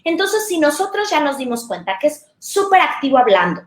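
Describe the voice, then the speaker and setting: A woman talks to parents as a speech therapist, warm and conversational, giving plenty of examples. Her voice sits a little high. The room echoes around her. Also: sing-song, brisk. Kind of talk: talk to parents.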